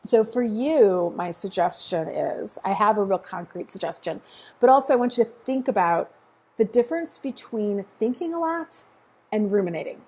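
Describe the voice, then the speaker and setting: A middle-aged woman talks to a group in a loose, coaching way, frank and encouraging and not shy of a swear word. Her voice sits at an ordinary pitch with a husky, slightly breathy edge. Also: animated, moderate pace, darkish tone. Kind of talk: casual coaching talk to a group.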